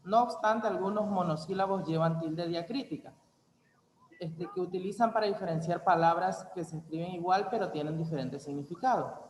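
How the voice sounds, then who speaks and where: Young guy presenting for class, pretty high voice, room echoes a lot with long tail. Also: a little hiss or hum. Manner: reads an explanation in careful, measured phrases. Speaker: university student presenter.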